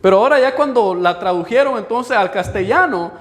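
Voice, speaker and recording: A man with a high voice preaches a teaching sermon in a church hall, asking the congregation questions and having them repeat words after him. He slows down to read scripture aloud with emphasis, and his voice rings on in the hall's long reverb. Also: lively intonation.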